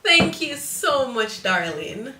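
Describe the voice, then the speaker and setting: A woman's voice: high voice, very animated, slow, roomy sound, recorded from a distance, noisy background. A woman with a Jamaican accent hosting a live cake-decorating tutorial, chatty and motherly as she gives viewers advice and calls them darling.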